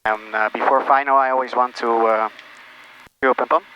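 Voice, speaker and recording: A male pilot giving calm, procedural commentary on his flight over a cockpit headset, talking casually and making radio readbacks. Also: medium pitch, moderate pace, lo-fi sound. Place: small aircraft cockpit in flight. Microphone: aviation headset. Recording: cockpit headset audio with engine noise.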